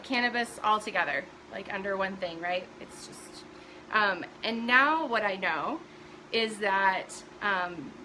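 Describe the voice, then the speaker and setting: A woman's voice: medium pitch, pushed and bright, a little hiss or hum, low-quality recording. A middle-aged woman hosting a casual live stream from home, chatty and full of fillers, greeting viewers by name.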